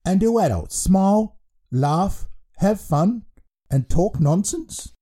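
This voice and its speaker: A man voicing a huge baby who runs a school in space, who cries and giggles as he speaks, in a high babyish voice. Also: lively intonation, takes it slowly, mellow, heavily acted. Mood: babyish, weepy. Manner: cries, giggles and burps between lines.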